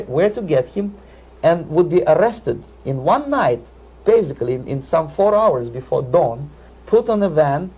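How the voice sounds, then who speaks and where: A man's voice: on the high side, mellow, breathy edge. A man from the Soviet Union with a Russian accent, giving earnest, lecturing answers in an interview and often repeating words as he searches for them. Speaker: interview guest.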